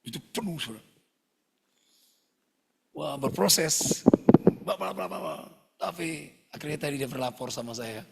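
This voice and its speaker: A man preaching a sermon as a pastor, lively and joking, often calling out to his listeners and acting out other people in his stories. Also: medium pitch, unhurried, vocal fry, long pauses, slight background noise. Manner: mimics other people's voices when retelling stories.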